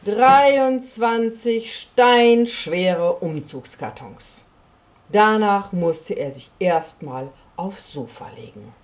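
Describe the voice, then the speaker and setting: A woman reading a children's story aloud, slow and expressive, often sinking to a soft near whisper. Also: medium pitch.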